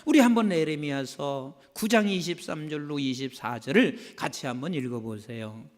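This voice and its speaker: A male pastor preaching a sermon, swinging between hushed asides and shouted declarations. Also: on the high side, animated, moderate pace. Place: church sanctuary. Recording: long reverb from a large hall.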